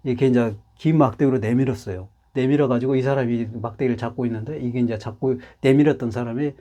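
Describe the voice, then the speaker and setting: A fast-talking man with a steady, dark voice at medium pitch teaches Hanja. In his lively Chinese character lecture, he explains things patiently and repeats himself often.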